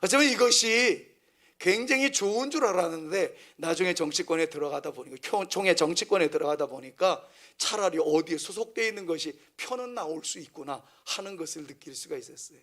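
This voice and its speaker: A man's voice: high-pitched, expressive, fairly quick, a bit bright. A middle-aged man from Seoul, preaching a sermon in an earnest way and dropping to a near whisper at the ends of phrases. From Seoul, South Korea. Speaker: pastor.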